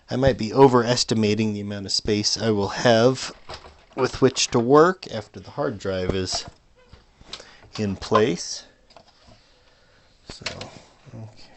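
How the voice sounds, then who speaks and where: Slow, gravelly man muttering at his workbench. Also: on the low side, slight background noise. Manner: dry, sarcastic, muttering to himself while working. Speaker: hobbyist modder. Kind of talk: casual workbench vlog narration.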